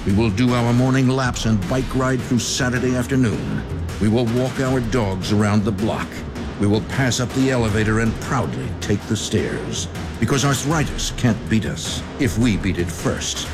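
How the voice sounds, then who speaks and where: A man narrating a scripted public service spot with resolute, emphatic phrasing. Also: mid-range voice.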